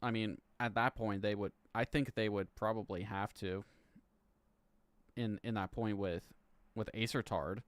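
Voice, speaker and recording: A man in his thirties talking loosely on a live stream, rambling, swearing and chuckling as he goes. His voice sits low and sounds smooth and clean. The sound is close and dry, with no room around it. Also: fairly even intonation, no room sound. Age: 30s. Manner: rambling, swears often, laughs between lines, reads court text aloud haltingly. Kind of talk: casual live-stream commentary. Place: home room.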